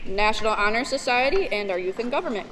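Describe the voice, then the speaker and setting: A woman's voice: a little high, expressive, fast talker. A woman class advisor giving a ceremony speech, thanking the class officers and reading out their names. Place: large school gymnasium. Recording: echoey gym from far off, loud crowd. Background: crowd noise.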